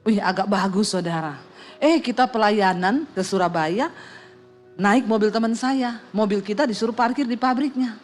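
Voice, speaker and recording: A woman's voice: mid-range voice, normal speed, soft background music. A middle-aged woman pastor, preaching with humorous storytelling, quoted voices and sound effects. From Indonesia. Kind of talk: sermon.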